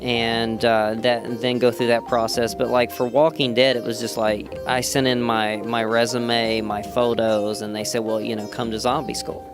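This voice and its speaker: An actor from West Virginia answers interview questions at a fan convention, rambling along with plenty of "you know" fillers and restarts. His mid-range voice keeps a level tone at normal speed with hardly any pauses. Loud music plays behind him throughout the recording.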